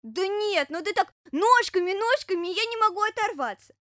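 A woman doing an excitable little bear cub. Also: moderate pace, dry recording, studio quality, full character voice. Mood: excited. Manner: eager, excitable, high and bright. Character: naive playful little male bear cub. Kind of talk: storybook reading.

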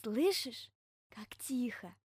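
A woman's voice: a little high, animated, slightly rough, no room sound, clean studio sound, full character voice. A woman doing an earnest little hedgehog. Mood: hushed. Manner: insistent, explaining slowly. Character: earnest little male hedgehog, patient explainer. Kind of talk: storybook reading.

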